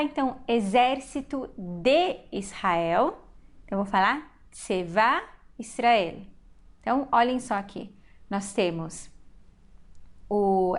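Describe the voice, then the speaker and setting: A woman, a language teacher in a recorded video lesson, who explains patiently and step by step to her viewers. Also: mid-range voice.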